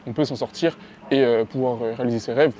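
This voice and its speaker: Brief: male interviewer, mellow dark tone, chatty, rambling questions, faint noise behind. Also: mid-range voice, steady tone, fast. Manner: long rambling questions, echoes the guest's words.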